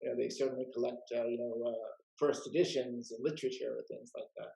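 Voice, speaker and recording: A man's voice: medium pitch, flat delivery, fast talker, creaky, dark tone, echoey room, low-quality recording. A man hosting a casual video-call chat about rare books, talking in a chatty way full of "uh" and "you know". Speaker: rare book dealer and host.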